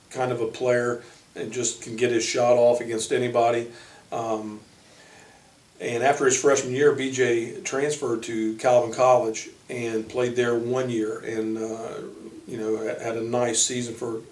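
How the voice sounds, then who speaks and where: This man takes on the role of a college basketball coach, casually presenting his players in a hesitant, pause-filled way. His voice sits at medium pitch with a darkish tone, captured by a far-off mic in a room with echo.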